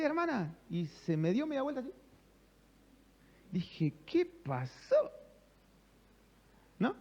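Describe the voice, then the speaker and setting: A male pastor with a Rioplatense Spanish accent preaches in a church sanctuary, calling on the congregation to respond and acting out conversations. His voice is high, pushed and bright, with a long reverb tail and the top frequencies cut off.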